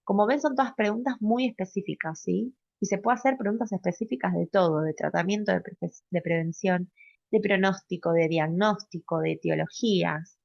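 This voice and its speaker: A woman teaches a medical class at a medium pitch, walking through examples and checking in with a quick "¿sí?". The sound is muffled and lo-fi, and the room is dry with no echo. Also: vocal fry, a little mellow. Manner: explanatory, often checks in with a rising "¿sí?"; fillers and self-corrections while explaining. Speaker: pediatric residency lecturer. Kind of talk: recorded medical class lecture.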